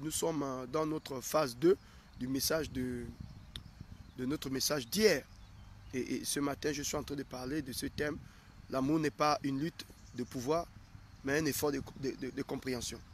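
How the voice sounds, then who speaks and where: A man's voice: mid-range voice, normal speed, pauses often, a little hiss or hum. A male prophet giving a live sermon, speaking straight to his listeners and hammering his point with repeated questions. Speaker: prophet preaching to his followers.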